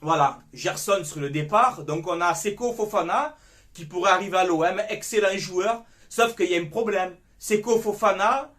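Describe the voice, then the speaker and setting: A young man vents about his club in a casual football debrief. His voice sits high, and he talks in a heated, sweary rant. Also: normal speed, fairly bright tone. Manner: heated, ranting, swears freely. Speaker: football fan commentator.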